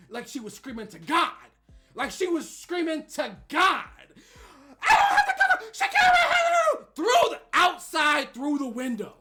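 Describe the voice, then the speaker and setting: A man streamer telling a story casually, animated and laughing often, swinging between loud and quiet. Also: extremely high pitch.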